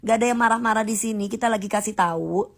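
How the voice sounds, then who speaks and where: A woman's voice: mid-range voice, fast. A woman, ranting casually and mockingly to viewers on a livestream. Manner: sassy, combative, mocking. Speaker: livestream host.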